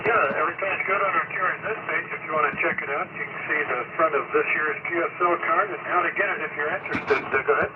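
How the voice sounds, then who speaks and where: Man making a ham radio call over static. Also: on the high side. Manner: brisk, procedural on-air radio talk. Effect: heard over a shortwave radio receiver. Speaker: special event station radio operator. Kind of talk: ham radio call, calling CQ with phonetic call signs. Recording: tinny radio audio from a distance with loud static.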